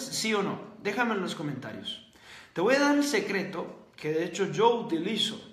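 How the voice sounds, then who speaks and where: A man hosting a motivational book-review video, talking emphatically with rhetorical questions and drawn-out stresses. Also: on the high side, a bit bright, roomy sound. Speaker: host.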